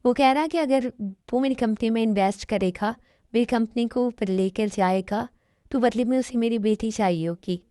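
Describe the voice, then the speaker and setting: A woman's voice: fairly high pitch, normal speed, warm tone, no echo, clean studio sound, natural voice. A woman voicing a worried middle-aged father and company owner in an amateur dub, talking in an anxious, pleading way. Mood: troubled.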